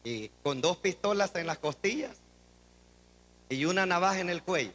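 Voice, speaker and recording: A man preaching a dramatic sermon as pastor, swinging between shouts and quiet asides. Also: sits high, expressive, normal speed. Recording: long hall reverb.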